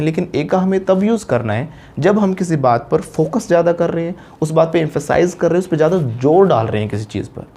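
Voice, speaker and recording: A man from India teaching English grammar in a classroom style, explaining step by step, asking rhetorical questions and slowing down for English examples in an Indian English accent. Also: fairly high pitch, warm tone.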